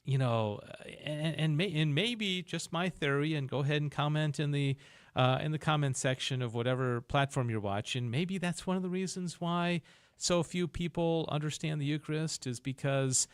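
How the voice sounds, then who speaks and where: A man's voice: a little high, normal speed, clean tone, no room sound. Male podcast host, casual teacher, dead-dry close mic. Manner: explanatory, repeats "okay?" and restarts, chuckles. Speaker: podcast host explaining Thomistic philosophy.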